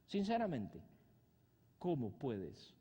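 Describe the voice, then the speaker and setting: A man preaching a sermon, asking the congregation rhetorical questions and swinging from loud rises to soft drops. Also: medium pitch, wildly swooping pitch, slow pace, breathy edge. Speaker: pastor. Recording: long hall reverb.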